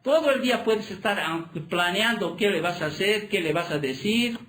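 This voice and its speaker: A man's voice: sits high, lively intonation, normal speed, fairly bright tone. A man, a pastor, preaching a sermon and pressing the congregation with constant rhetorical questions. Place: church hall. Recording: echoey church hall.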